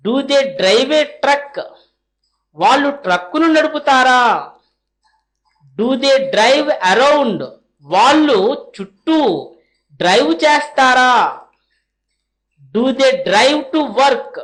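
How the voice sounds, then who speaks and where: High-voiced woman drilling language phrases very slowly. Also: expressive, fairly bright tone. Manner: slow, deliberately spaced English phrases, each followed by a translation. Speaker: spoken English teacher.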